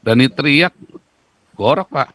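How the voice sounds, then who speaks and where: A man speaks as a guest commentator in a casual talk-show discussion, medium in pitch and emphatic. His voice jumps up sharply when he drives a point home. The sound is dry and close. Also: expressive, normal speed, fairly bright tone, no echo.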